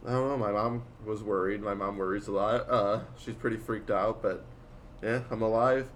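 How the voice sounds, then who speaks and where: A man's voice: fairly low pitch, steady tone, normal speed, a little hiss or hum. A teenage boy in casual chat, rambling through a story with lots of fillers and laughs. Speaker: student storyteller.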